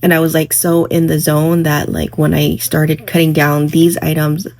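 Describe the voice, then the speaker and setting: A woman vlogging casually about her planner from home, her voice hoarse in the morning, rambling with many fillers. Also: low-pitched, little pitch movement, moderate pace, darkish tone. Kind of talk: casual crafting vlog. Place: home, indoors.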